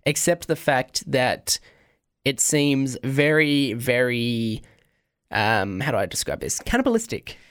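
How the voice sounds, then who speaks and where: A man co-hosting a radio show in casual chat, often halting and searching for words. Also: medium pitch, lively intonation, fairly bright tone, clean tone. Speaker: radio co-host.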